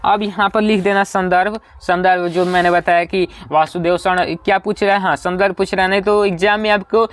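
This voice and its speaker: A young man teaching an exam preparation lesson. He explains each step, keeps checking that students follow, and slows down to read verses aloud. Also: sits high, steady tone, a bit bright.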